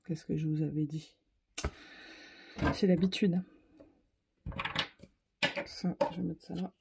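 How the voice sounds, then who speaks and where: Her voice sits on the low side, gravelly and steady, with a slow pace and lots of background noise. She hosts a casual craft video, talking directly to viewers as she works, poking fun at herself with light laughs in an easygoing demo chat.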